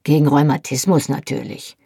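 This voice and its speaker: Storybook: woman doing a low, gravelly young Highlander, matter-of-fact. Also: steady tone, moderate pace, mellow, dry recording, clean studio sound, full character voice. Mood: explaining. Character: Scottish Highland man, young husband, dry and practical.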